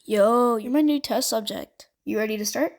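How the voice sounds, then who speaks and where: Talking through gameplay in laid-back gamer slang, this woman, a video creator who also builds game levels, speaks with a fairly high pitch, moderate pace and noticeable vocal fry. Background music plays beneath her voice.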